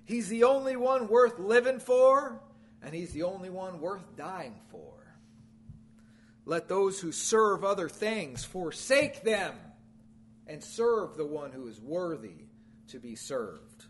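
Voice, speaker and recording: A man preaching a sermon, emphatic and repetitive, swinging between loud declarations and low, quiet phrase endings. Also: lively intonation, takes it slowly.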